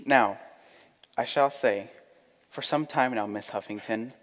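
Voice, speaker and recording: An actor playing a vain, pompous young gentleman who is sure of his own worth, in a comic audio drama. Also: medium pitch, unhurried, in a large hall, natural voice. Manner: pompous, self-satisfied, theatrical.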